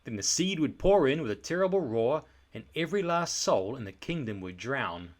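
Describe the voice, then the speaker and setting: Reading a children's book aloud, a male storyteller uses a medium-pitched voice. The delivery is scripted and expressive, with deliberate, dramatic stress on key words.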